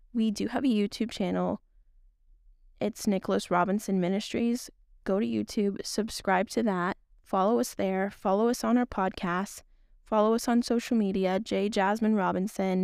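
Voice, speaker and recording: A woman's voice: mid-range voice, creaky, darkish tone, dry recording, studio quality. A young woman hosting a faith podcast, talking casually and earnestly to women listeners, rambling with frequent little laughs. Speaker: podcast host.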